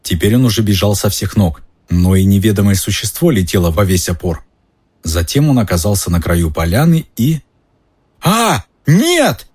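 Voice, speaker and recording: Male audiobook narrator, husky, low voice, expressive reading. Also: fairly quick.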